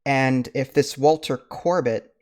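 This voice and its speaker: A man's voice: mid-range voice, slow pace, a little mellow. A man playing a tabletop game, talking casually and asking questions as a player.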